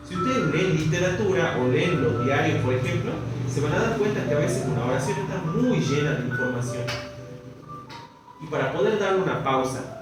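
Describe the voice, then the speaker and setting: A man with an Argentine Spanish accent and a slightly high voice teaches a language class, explaining step by step and often asking whether the students follow. He is far from the mic in heavy reverb, and the recording is rough.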